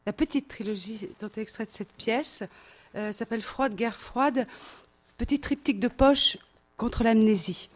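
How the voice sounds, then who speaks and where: A woman playwright introducing and reading her own short play in a soft, measured way. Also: a little high.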